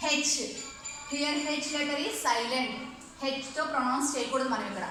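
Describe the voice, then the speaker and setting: A woman teaching a class, her high, bright voice going through each point step by step and often asking whether students are following. The room is very echoey, with a faint hum of background noise. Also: moderate pace. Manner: explains step by step, often checking with "okay?". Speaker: English teacher. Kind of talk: online class lesson.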